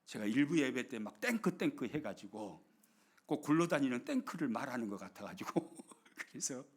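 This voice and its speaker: A man's voice: mid-range voice, moderate pace. A man preaching a sermon, acting out everyday grumbling in dialect to make his point. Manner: animated preaching, acts out grumbling housewives in dialect. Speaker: pastor. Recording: broadcast church sermon.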